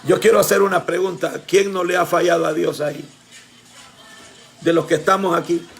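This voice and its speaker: A man preaching a sermon with fervor, often shouting and calling on his congregation as brothers. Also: sits high, fairly even intonation, moderate pace, creaky, soft background music.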